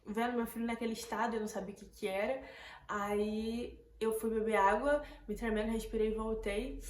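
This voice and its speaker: A young Brazilian woman tells her viewers about a hard night, emotional and quick to repeat herself. Her voice sits a little high. The room around her rings with echo. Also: steady tone. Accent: Brazilian Portuguese. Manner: breathless, emotional retelling with repeated words. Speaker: vlogger. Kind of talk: casual storytelling to camera. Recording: echoey room, faint background noise.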